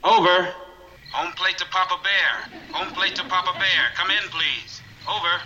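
A man's voice: sits high, fairly even intonation, measured pace. A man playing a radio operator, heard over a radio set as he repeats formal call signs. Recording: muffled old TV audio with noise.

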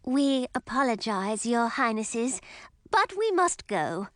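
A courteous fairy envoy with a lightly raised, lilting voice, put on by a woman reader. She speaks formally and in measured phrases. Close, dry recording. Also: on the high side, sing-song, fairly bright tone, no room sound, voice pushed up, exaggerated voice. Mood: apologetic.

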